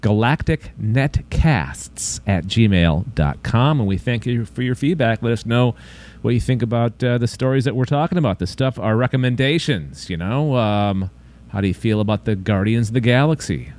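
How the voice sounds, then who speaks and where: A man's voice: mid-range voice, brisk, darkish tone. A man hosting a casual podcast, leading segments with a jokey manner. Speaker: podcast host. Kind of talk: casual chat.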